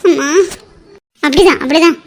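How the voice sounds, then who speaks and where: A woman voicing a brisk bossy cartoon doctor. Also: high-pitched. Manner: commanding, brisk.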